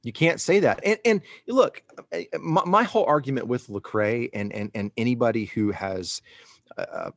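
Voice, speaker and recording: A man's voice: mid-range voice, lively intonation, moderate pace, vocal fry, no room sound, studio quality. A man co-hosting a podcast, arguing emphatically in casual chat and repeating words as he pushes his point. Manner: emphatic, argumentative, repeats words when worked up. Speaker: podcast co-host. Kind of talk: casual conversational commentary.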